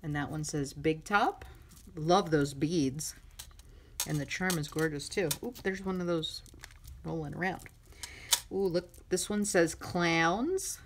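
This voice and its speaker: A middle-aged woman crafting vlogger gushing excitedly over a mail swap, chatty and full of fillers. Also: deep voice, takes it slowly. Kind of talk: casual unboxing chat. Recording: noisy room with crinkling and clicks.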